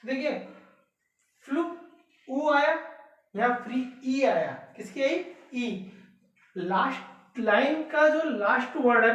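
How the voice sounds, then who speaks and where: The highs are cut off in this echoey-room recording of a woman with a slightly high voice, who stands far from the mic. She teaches exam prep step by step, repeating key words and asking rhetorical questions.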